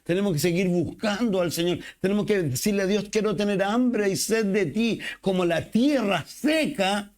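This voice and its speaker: A male pastor, preaching a sermon with expressive swings and acted-out quotes. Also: high-pitched. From Chile.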